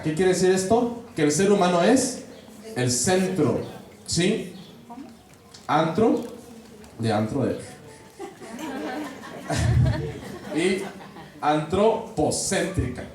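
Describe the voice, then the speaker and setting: Mexican man as a catechism course teacher, chatty lecturing style, mellow tone, far off in a very echoey hall. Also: fairly high pitch. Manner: conversational, checks in with frequent questions. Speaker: catechist trainer. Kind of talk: lecture to a class. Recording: very echoey room, voice far from mic.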